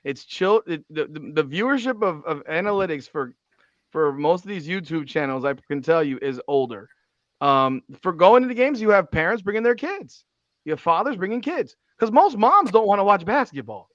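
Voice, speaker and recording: With big pitch swings in a high, rather bright voice, a forties-aged podcast host speaks at a moderate pace, with no echo. The sound is dull and a bit lo-fi, and his casual chat is emphatic, repetitive and full of swearing.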